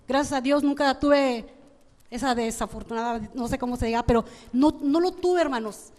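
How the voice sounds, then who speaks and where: A high-pitched woman with a Mexican Spanish accent delivers a sermon as pastor. She keeps calling out to the congregation and stumbles into restarts as she goes. Her voice rings with the long reverb of a church hall. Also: normal speed, a little mellow. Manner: repeats "hermanos" often, with frequent restarts.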